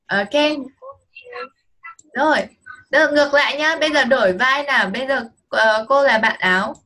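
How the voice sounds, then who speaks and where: A woman teaching English online to a child, patient and encouraging, slowly modelling phrases over a video call. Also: high-pitched, pushed and bright. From Vietnam.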